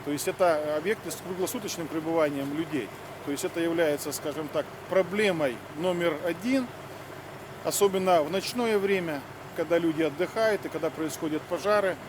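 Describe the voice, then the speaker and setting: A man speaking as a fire service official in an interview, halting and formal, with many filler words. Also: fairly high pitch. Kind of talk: interview explanation of a drill. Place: outdoors near fire vehicles. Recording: outdoor recording with vehicle noise.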